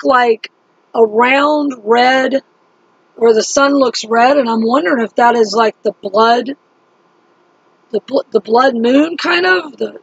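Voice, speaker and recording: A woman's voice: high-pitched, breathy edge, no echo, muffled recording. A middle-aged woman recounting her dreams in casual talk, rambling and correcting herself with many fillers. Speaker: video channel host.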